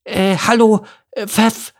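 Small timid donkey, lisping, breathless, high-pitched, storybook voice. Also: male voice, flat delivery, slow. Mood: pleading. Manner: breathless, pleading.

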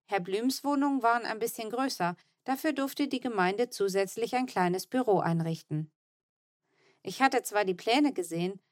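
A woman reading a children's audiobook in a steady first-person storytelling tone. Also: mid-range voice, no room sound, studio quality. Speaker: audiobook narrator. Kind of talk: scripted narration.

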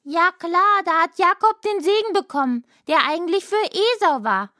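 A woman voicing a cheeky little boy woodworm in a children's audio drama, talking quick and childlike. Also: extremely high pitch, lively intonation, bright, forceful tone, no room sound, studio quality, full character voice.

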